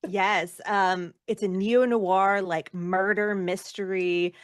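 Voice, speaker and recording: A woman with a mid-range, smooth voice speaks slowly with fairly even intonation as a casual interview guest, effusive and informal, emphatic about loving her work. She's an actor and former rock singer, recorded in clean studio sound with no room sound.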